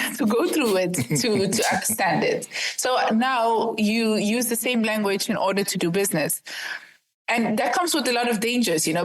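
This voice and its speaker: An earnest woman investor in her thirties, born in Ethiopia and raised in the Netherlands, speaks in a medium-pitched voice. She makes her points directly, often through rhetorical questions, in a podcast interview. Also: poor audio. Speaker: investor and entrepreneur guest.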